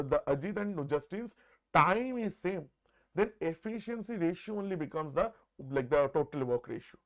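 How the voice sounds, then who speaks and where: A man's voice: sits high, gravelly. Indian-accented man teaching maths live. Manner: repeats phrases, often addresses listeners as "sir"; conversational, mixes Hindi words into English. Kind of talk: live exam-prep lesson, working through problems aloud.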